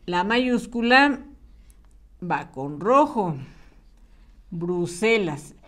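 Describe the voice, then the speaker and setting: A woman's voice: on the high side, sing-song. Patient woman teaching spelling to children. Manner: patient, encouraging, slow and clear dictation. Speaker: primary school teacher.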